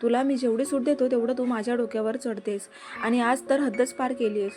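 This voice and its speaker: A woman's voice: a little high, fairly even intonation, a little fast, mellow, natural voice. A woman reading as an angry scolding young husband. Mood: stern. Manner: stern, scolding. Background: background music.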